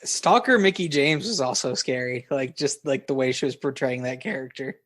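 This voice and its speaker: A man co-hosting a casual podcast chat, speaking in a relaxed, halting way with many fillers. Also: medium pitch. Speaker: podcast co-host.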